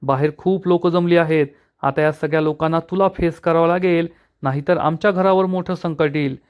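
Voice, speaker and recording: A man playing a stern middle-aged father who insists firmly. The voice is close to the performer's own and a touch high. He sounds firm and grave. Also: steady tone, normal speed, clean tone, lightly acted.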